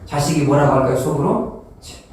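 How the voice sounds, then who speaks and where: Pastor preaching in an echoey church. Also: male voice, fairly high pitch, expressive, moderate pace, darkish tone, far from the mic. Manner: acts out everyday speakers in quoted dialogue; folksy, humorous preaching. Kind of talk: sermon. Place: church sanctuary.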